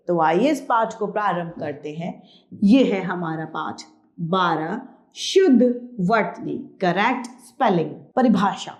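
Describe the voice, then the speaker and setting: A woman teaching a grammar lesson to children, speaking slowly and clearly and stressing each word she reads out. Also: medium pitch, a little mellow. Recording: echoey room.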